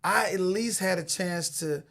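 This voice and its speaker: A man hosting a podcast interview, asking questions in a casual way and often halting to repeat words as he goes. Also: high-pitched, creaky, a bit bright. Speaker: podcast host.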